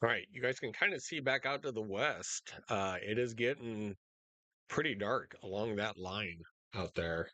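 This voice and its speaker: A man hosting live storm coverage in a casual, unscripted, halting way, speaking directly to his viewers. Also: fairly low pitch, pushed and bright, no echo. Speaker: storm-coverage livestream host.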